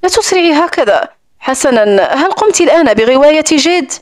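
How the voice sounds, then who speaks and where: A woman's voice: high-pitched, expressive, brisk, dry recording. A woman reading the part of a stern, sarcastic wealthy man who owns an island estate, speaking coldly and mockingly. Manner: cold, mocking.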